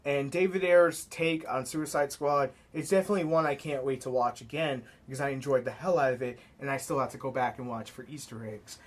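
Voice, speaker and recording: A young man from New York giving a casual, excitable film review, blunt and swearing freely. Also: medium pitch, a little fast, hardly any pauses. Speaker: movie reviewer.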